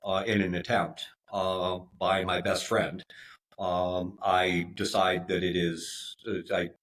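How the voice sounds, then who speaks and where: A man in his fifties, a podcast guest, speaking in a halting way with many fillers and restarts. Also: deep voice, flat delivery, fairly bright tone. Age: 50s. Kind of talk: conversational interview.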